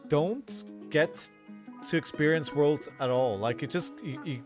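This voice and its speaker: A hoarse man on a headset mic, casually commenting on a live card game while he plays, halting and repeating words as he thinks aloud. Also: fairly high pitch, music in the background. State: hoarse, coughing.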